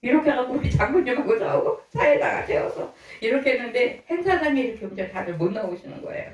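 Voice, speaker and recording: A woman's voice: a little high, quick pace, far from the mic. Woman pastor telling stories in a roomy church. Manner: lively storytelling, acts out quoted voices, laughs often. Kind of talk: storytelling sermon. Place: church hall.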